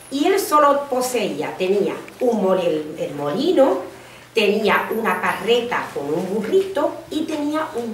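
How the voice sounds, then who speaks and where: A woman telling a fairy tale to children at a school, expressive and lively. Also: a little high, a little hiss or hum. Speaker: parent reading aloud at school. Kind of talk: storytelling to children. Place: school room. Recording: echoey room, mic far off.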